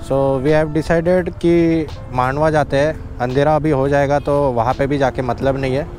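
Riding outdoors along highways and town roads, a young man gives casual commentary as a motorcycle vlogger, mixing in English phrases. Captured on a helmet or bike-mounted action camera with background music, his slightly high voice is steady, a little slow and darkish in tone.

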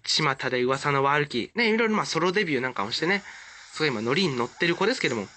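A man commentating on a dating game in an excitable, gushing, hyper way. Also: a little high, racing. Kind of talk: let's-play commentary.

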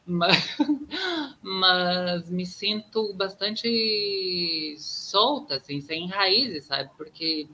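Speaking extremely slowly in a lowish voice, this woman sounds animated, bright and forceful, with a little hiss or hum on the line. She is a guest artist in her thirties from southern Brazil with a Gaúcho Brazilian Portuguese accent, reflecting in a casual video-call interview from a plant-filled room at home, and often closes her thoughts with tag questions.

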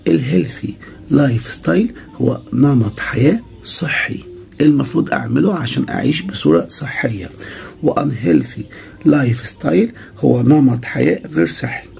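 A man with an Egyptian Arabic accent teaching children English vocabulary, saying each word slowly several times and then explaining it. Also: mid-range voice, gravelly, a little mellow, slight background noise.

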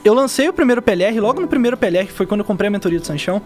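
A man's voice: high voice, animated, very fast, soft background music. A young man with a Brazilian accent chatting casually on a podcast, explaining things with examples in slangy speech. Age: young adult. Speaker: podcast guest, digital marketer. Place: indoor podcast studio. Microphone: dynamic mic on boom arm, close.

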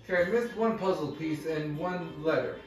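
Speaking at normal speed, a high-voiced commentator casually calls out every move in quick bursts over game music. The sound is very echoey, with him far from the mic.

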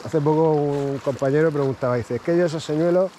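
A man from Spain, chatting casually to camera while fishing on a rocky shore and giving excited running commentary. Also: a little high, a little fast. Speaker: fishing vlogger. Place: rocky seashore outdoors at dawn. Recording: outdoor wind and sea noise. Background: waves and water noise.

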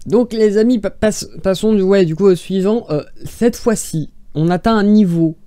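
A YouTuber tears into silly classified ads with exasperated sarcasm, rambling and restarting mid-sentence. The voice is mellow and warm in tone. It is recorded dry and close on a desk mic. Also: mid-range voice, normal speed, dry recording. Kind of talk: mocking commentary on screenshots.

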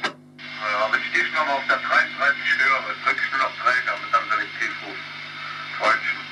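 A man on CB radio, trading threats and insults in slow, drawn-out taunts. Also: mid-range voice. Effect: heard over CB radio. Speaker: CB radio operator. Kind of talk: hostile radio banter. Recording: loud static CB radio transmission.

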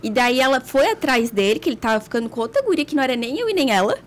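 A blunt, candid woman from Brazil recounts her own story as a podcast guest. Her voice sits high and rises and falls in lively swings. She laughs between lines and holds nothing back. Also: racing.

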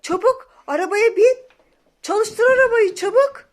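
A young woman, a mother, talking playfully to viewers and her toddler in an animated, coaxing, exclamatory way. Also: very high voice, unhurried. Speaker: mother playing with her child on camera.

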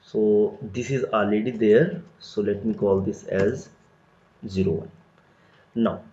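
A man explains a software setup step by step in a plain, methodical tutorial voice. His voice sits at an ordinary middle pitch. The recording is roomy and somewhat dull, with typing heard on a keyboard nearby. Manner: step-by-step, plain explanatory delivery with frequent "so" and "let me". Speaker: tutorial instructor.

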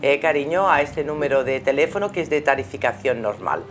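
A woman's voice: deep voice, animated, brisk. A middle-aged woman with an accent from Spain, speaking affectionately as she gives spiritual advice to a caller as host of a live show. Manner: affectionate, addressing the caller with endearments. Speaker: spiritual guide hosting a live call-in show. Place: small TV studio with curtains. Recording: music playing behind the voice.

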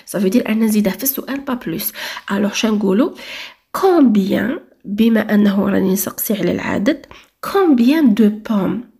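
A woman teaching French grammar, drilling example sentences and repeating words slowly. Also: mid-range voice, dark tone, slightly rough. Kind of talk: explaining French grammar to learners.

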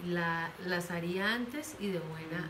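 A woman pastor preaching with earnest pleading, urging parents to speak gently. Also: lowish voice, a little slow. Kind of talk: sermon. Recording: echoey room with faint noise.

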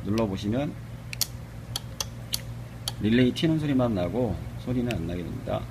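A man's voice: on the low side, lively intonation, moderate pace, background noise. A man giving a casual product demonstration of a car alarm remote, talking in a plain explanatory way with many hesitant fillers, recorded on a camera microphone in a car workshop. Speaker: car accessory shop presenter.

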